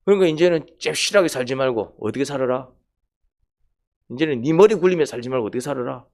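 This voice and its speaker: A man's voice: medium pitch, expressive, fast, creaky, darkish tone. Man preaching. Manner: conversational preaching, questions the congregation, acts out quoted lines. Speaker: pastor. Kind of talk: sermon at a Wednesday prayer meeting.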